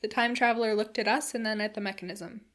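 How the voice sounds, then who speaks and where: A woman narrating a classic novel in a measured, steady storytelling voice. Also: medium pitch. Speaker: audiobook reader.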